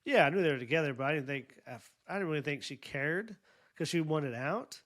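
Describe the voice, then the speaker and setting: Blunt man with a slightly high voice. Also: expressive, a little fast, fairly bright tone. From Oklahoma. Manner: blunt, incredulous remarks. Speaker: podcast co-host. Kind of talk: casual TV episode review chat.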